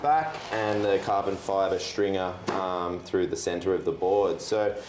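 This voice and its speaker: A man's voice: low-pitched, unhurried. A man with an Australian accent casually explaining his board review as a surf shop worker. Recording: roomy echo, faint background noise.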